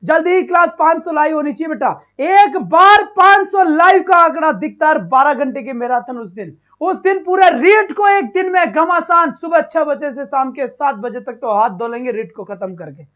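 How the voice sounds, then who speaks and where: A male teacher leads a live online exam-prep class with a strikingly high voice. He talks with relentless energy, showering students with loud praise. The stream audio is dull and lo-fi. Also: expressive, normal speed, hardly any pauses.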